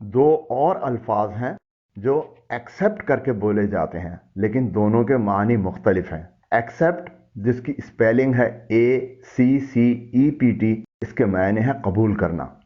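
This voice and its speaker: Slow, deliberate male language teacher. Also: on the low side, expressive, highs cut off. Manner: deliberate, spells words letter by letter. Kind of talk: slow scripted vocabulary lesson.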